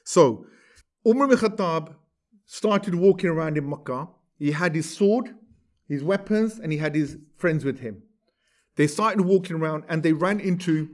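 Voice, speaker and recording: A man's voice: fairly high pitch, darkish tone. A man, teaching a class by retelling a story in a conversational way, often checking in with the listeners. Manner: conversational, asks "right?" to check in. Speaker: religious teacher. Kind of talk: storytelling lecture.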